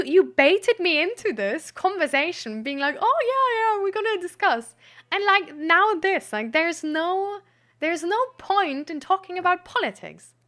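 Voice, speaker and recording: Young woman streamer, high voice, candid and rambling, lots of filler and restarts. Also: a bit bright. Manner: rambling, frequent "like", restarts and nervous laughs. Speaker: streamer hosting a mental health talk. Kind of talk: candid personal storytelling.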